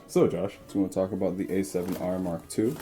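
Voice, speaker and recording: Rambling young man, low and mellow. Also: faint music behind. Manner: rambling, halting, crude. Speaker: co-host. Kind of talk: casual chat.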